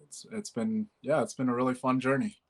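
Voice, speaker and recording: A Bangladeshi musician in his twenties chats casually as an interview guest, filling his talk with fillers and laughing easily. His voice is medium-pitched and brisk.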